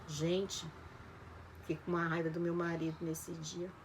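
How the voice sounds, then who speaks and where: Unhurried and low-voiced, a woman from Belém, Brazil, shares her life story in casual storytelling. She is emotional and animated, often addressing her audience as "gente," with background noise audible.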